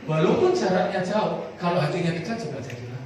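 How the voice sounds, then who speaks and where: Pastor guy preaching, lively, gets the crowd answering back, far off mic in a big echoey room. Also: fairly high pitch, fairly quick, slight background noise. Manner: animated, calls on the congregation to answer. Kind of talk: sermon.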